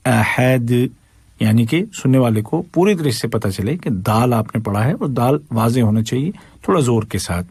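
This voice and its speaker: A man teaching Quran recitation, patiently explaining pronunciation rules and demonstrating each verse in a slow, drawn-out chant. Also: medium pitch, expressive, a little mellow, breathy edge, no echo.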